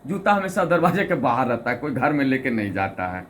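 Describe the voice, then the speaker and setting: A man's voice: mid-range voice, sing-song, brisk, fairly bright tone, slight background noise. A man telling a funny personal story and explaining his own comic poem. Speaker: storyteller and poet. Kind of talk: anecdote and recited humorous poem.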